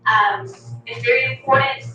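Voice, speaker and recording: School intercom voice: woman, bright tone, boomy distant speaker. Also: moderate pace, a little hiss or hum. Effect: school intercom announcement. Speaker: school office staff. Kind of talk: PA announcement. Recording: distant echoey loudspeaker, muffled.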